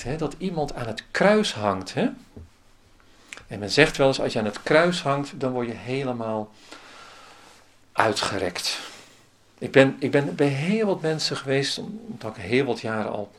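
A man preaching a sermon as pastor, asking the congregation many rhetorical questions. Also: mid-range voice.

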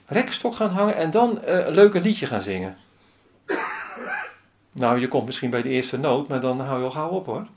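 A man's voice: mid-range voice, lively intonation, normal speed, long pauses, noisy background. A man preaching a sermon as pastor, asking the congregation many rhetorical questions.

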